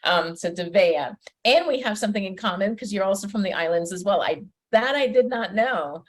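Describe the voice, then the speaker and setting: A woman from Trinidad and Tobago, a podcast host and personal development coach, conducts a conversational interview in a chatty, welcoming way with frequent fillers. Her voice sits in the mid-range, with lively intonation and a normal speed.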